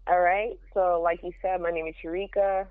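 A woman's voice: on the low side, level tone, moderate pace. A young woman from Jamaica, a podcast guest, talking frankly and plainly about her life in a casual interview. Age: young adult. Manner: frank, straightforward. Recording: tinny phone line.

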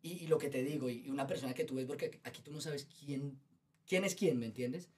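A man, a subway musician telling stories in a casual chat, animated but often sinking to a low murmur. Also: fast talker.

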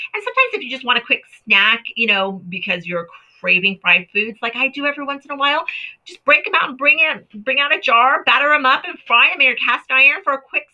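A woman with a very bright, forceful voice chats enthusiastically to her viewers about home canning. She rambles and corrects herself as she goes. The sound is slightly dull and lo-fi. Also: a little high. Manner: chatty, enthusiastic, self-correcting. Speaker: home cooking and canning vlogger. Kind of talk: casual talk to camera.

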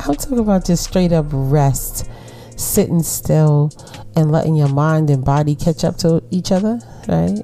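A middle-aged woman with a Brooklyn accent hosting a casual solo podcast, talking to women listeners in a laid-back, unhurried, conversational way. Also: extremely low pitch, dark tone. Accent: Brooklyn, New York. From Brooklyn, New York. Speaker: podcast host.

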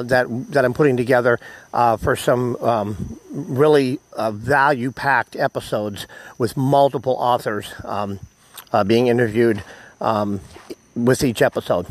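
An American man hosting a solo podcast, speaking haltingly with many ums and whistling slightly on his words because of missing teeth. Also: medium pitch. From United States. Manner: halting, filled with ums and pauses. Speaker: podcast host. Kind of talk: solo podcast announcements to listeners.

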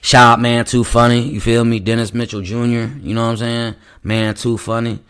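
A man hosting a podcast in a loose, rambling style, full of slang and restarts as he gives shout-outs. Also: mid-range voice, little pitch movement, moderate pace, clear, resonant tone. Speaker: podcast host. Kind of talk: casual podcast chat.

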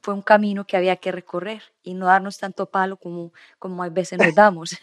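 A woman's voice: on the low side, little pitch movement, moderate pace, no echo, clean studio sound. A woman hosting a casual conversation, speaking reflectively and slipping English fillers into her Spanish.

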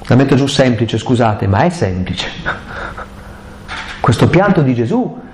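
A man's voice: medium pitch, very animated, unhurried, darkish tone. A man giving a live catechesis talk on a Bible passage, impassioned and colloquial, firing off rhetorical questions. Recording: echoey live room recording, faint background hiss.

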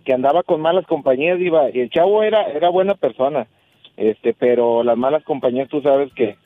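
A man's voice: medium pitch, fairly quick, no echo. Hesitant man on a dull line. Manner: hesitant storytelling, many fillers. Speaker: caller.

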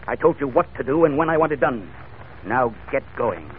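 An actor playing a grim, domineering middle-aged crime boss with an American accent in 1940s radio style, curt and menacing. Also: male voice, mid-range voice, big pitch swings, normal speed, lightly acted. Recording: narrow, noisy old radio recording.

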